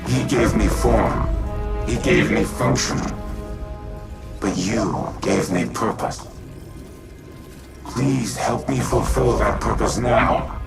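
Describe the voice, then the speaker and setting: In a scripted game cutscene, a male actor voices a solemn military artificial intelligence willing to sacrifice itself, speaking with formal, resolute, measured delivery and a mood of tender resolve. His voice is gravelly and fairly low. Loud music plays behind him.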